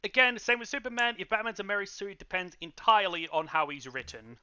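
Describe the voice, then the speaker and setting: Male podcast co-host, higher voice, emphatic, lo-fi recording. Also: clear, resonant tone. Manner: animated, emphatic, quick bursts. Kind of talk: casual chat. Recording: dull lo-fi audio.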